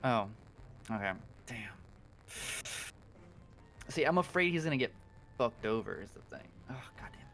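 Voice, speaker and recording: A man's voice: mid-range voice, animated, a little slow, gravelly, pauses often, a bit bright, slight background noise. A man playing a tabletop game, casual and muttering his moves. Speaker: player.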